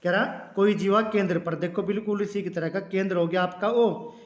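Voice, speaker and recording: Speaking fairly quickly with a high pitch and fairly even intonation, a man walks his students through a math lesson step by step in an echoey room. He addresses them as "children," keeps repeating key words, and occasionally clears his throat.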